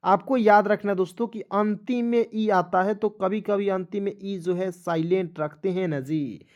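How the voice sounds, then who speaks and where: A man from India teaching English pronunciation, spelling words out slowly, letter by letter, and repeating them. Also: sits high, steady tone, darkish tone, dull audio. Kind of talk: classroom-style phonics lesson.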